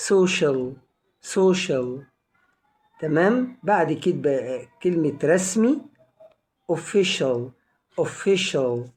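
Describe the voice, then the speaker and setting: A man with an Egyptian Arabic accent giving an online pronunciation lesson, speaking directly to viewers and repeating English words slowly and carefully. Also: a little high, darkish tone. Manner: friendly, addresses viewers directly. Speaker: English teacher.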